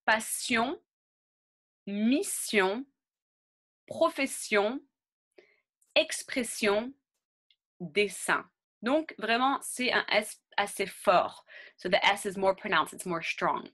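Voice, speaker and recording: A woman teaching French pronunciation, saying each model word slowly and carefully, then explaining it again in English. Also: mid-range voice, bright, forceful tone. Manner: slow, carefully articulated model words. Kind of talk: bilingual pronunciation lesson.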